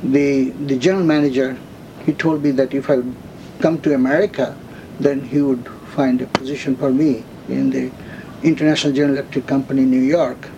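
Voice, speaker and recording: A man in his seventies from India, slowly telling his life story in an oral history interview, with many pauses and fillers. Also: medium pitch, steady tone, mellow, highs cut off, a little hiss or hum. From India, West Bengal. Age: 70s.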